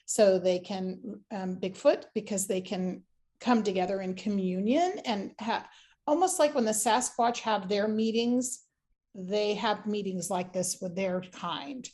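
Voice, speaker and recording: A woman's voice: mid-range voice, unhurried, darkish tone. A woman psychic giving a reading in casual chat, rambling with lots of "like" and restarts.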